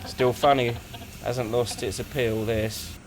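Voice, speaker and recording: A man narrating a home vlog in a jokey, teasing, lively way. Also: mid-range voice, slow pace, background noise. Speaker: co-host, husband. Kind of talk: playful vlog voice-over.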